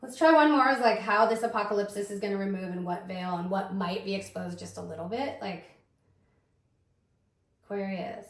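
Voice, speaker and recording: A woman's voice: medium pitch, moderate pace, echoey room. A woman giving a casual tarot reading, rambling and thinking aloud with lots of fillers. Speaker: tarot reader.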